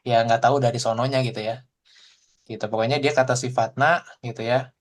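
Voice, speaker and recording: A man teaching a Japanese language class online, explaining in a relaxed, chatty way full of fillers. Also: mid-range voice, fairly quick, slight background noise. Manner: explains in relaxed casual Indonesian with frequent fillers.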